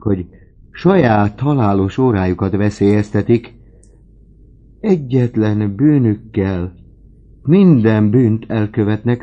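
A man's voice: extremely low pitch, muffled recording. A man voicing a wailing dying old father. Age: older. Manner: swings from desperate shouts to faint whispers. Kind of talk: audiobook character reading.

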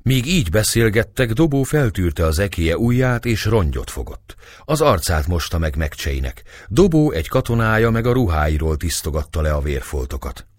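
A man reading a historical novel aloud in steady storytelling narration. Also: sits low, no room sound, clean studio sound. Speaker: audiobook reader.

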